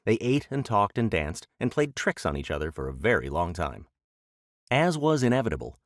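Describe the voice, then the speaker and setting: A man's voice: deep voice, dry recording, studio quality. A man narrating a scripted trickster tale as an audiobook storyteller.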